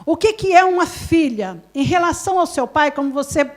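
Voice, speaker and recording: A woman's voice: high-pitched, expressive, moderate pace. A woman pastor with a Brazilian Portuguese accent, giving a live sermon at a women's conference. She asks the audience questions and laughs often.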